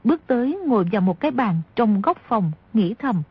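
A woman reading a martial-arts novel aloud as an audiobook narrator, in a steady, measured way. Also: fairly high pitch, slightly rough, no echo. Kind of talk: scripted storybook narration. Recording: dry, dull lo-fi audio.

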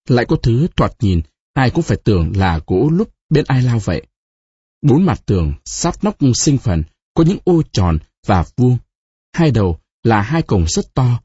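A man with a husky voice narrating a novel expressively as an audiobook reader. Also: medium pitch, no room sound, lo-fi sound. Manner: expressive, dramatic storytelling.

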